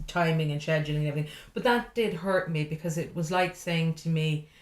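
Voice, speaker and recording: A low-voiced Irish woman, guesting as a comedian in a casual interview, talks a little fast, frank and chatty with laughing asides. The recording has an echoey room sound.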